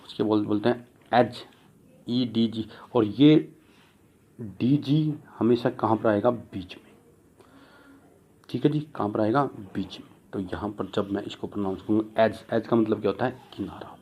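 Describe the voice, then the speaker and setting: A man's voice: lowish voice, fairly even intonation, normal speed, husky, muffled recording. A man teaching English pronunciation in a tutorial. He mixes Hindi and English, asks his own questions, answers them, and repeats key words. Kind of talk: classroom-style tutorial.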